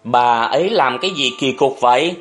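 A man's voice: medium pitch, normal speed, a bit bright, close to an everyday voice. A man voicing a stern old schoolmaster who scolds his son in a storybook reading. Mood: angry. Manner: scolding, authoritative.

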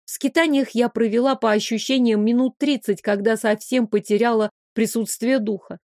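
Female audiobook narrator, somewhat high voice, wry lively delivery, dead-dry studio sound. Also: normal speed, no echo. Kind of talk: first-person storybook narration.

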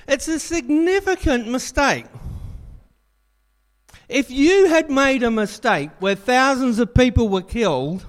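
A man preaching a sermon in a church, a jokey, animated storyteller. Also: very high-pitched.

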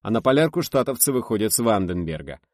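A man's voice: lowish voice, very animated, fast talker, darkish tone, dry recording, studio quality, pitched above the performer's own voice. A man voicing a confident, matter-of-fact male spacecraft commander in an audiobook.

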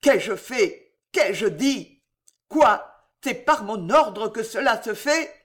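A man voicing a terrified young king who rants and pleads in panic, shouting at the clamor around him. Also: high-pitched, lively intonation, slow, full character voice. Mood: panicked horror. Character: frantic terrified young king raving at bells.

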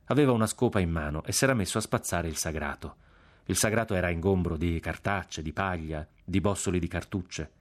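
A man reading a literary novel aloud in a measured, grave narrating voice. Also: low voice. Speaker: audiobook reader.

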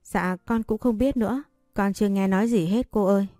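A woman's voice: mid-range voice, fairly quick, mellow, no echo, clean studio sound, soft background music, lightly acted. A woman reading a storybook voicing a frightened teenage servant girl who stammers and pleads. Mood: nervous.

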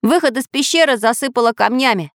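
Casting: earnest iron tinkerer from a storybook, read by a woman, practical and lively. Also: fairly high pitch, fairly quick, no room sound, clean studio sound, voice pushed up. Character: handy tin-man tinkerer who fears rust.

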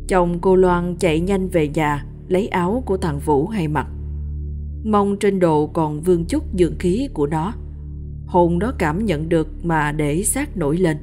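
A woman narrates a first-person ghost story at a steady, measured pace. Her voice sits low and mellow, with faint music under it.

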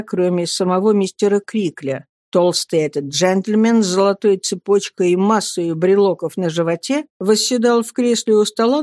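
A measured audiobook narrator reading a classic novel in an even storytelling voice of middle pitch. The recording is dry and close, with no room sound around the voice. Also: no room sound.

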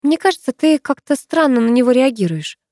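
A woman's voice: high-pitched, very animated, a little fast, dark tone, no echo, voice pushed up. A woman voicing a wary, sardonic teenage schoolgirl with a dry, skeptical manner.

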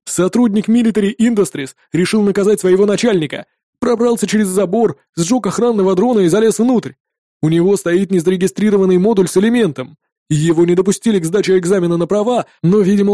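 A man voicing a flustered, portly middle-aged policeman giving a hurried report in an audiobook. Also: high-pitched, mellow, no room sound, clean studio sound, natural voice. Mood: briefing.

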